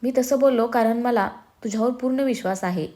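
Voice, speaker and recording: A woman voicing a determined, ambitious young man who speaks firmly and teases his twin brother with calm confidence. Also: fairly high pitch, brisk, close to an everyday voice. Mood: earnest. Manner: firm, self-assured, gently teasing.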